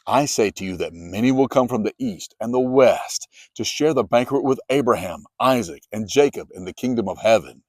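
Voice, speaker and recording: Man voicing a measured, authoritative Jesus. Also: expressive, darkish tone, no room sound. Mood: solemn. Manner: measured, low, firm. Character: calm, authoritative adult male holy teacher.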